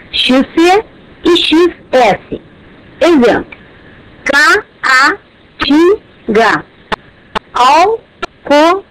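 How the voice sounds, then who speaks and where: A teacher giving a slow, dictated grammar lesson, carefully spelling out syllables one by one. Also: high voice, a little hiss or hum, rough recording.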